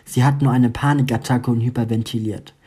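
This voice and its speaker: Man voicing a calm reassuring schoolgirl, steady delivery, dark mellow tone. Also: medium pitch, fairly quick, husky, close to an everyday voice.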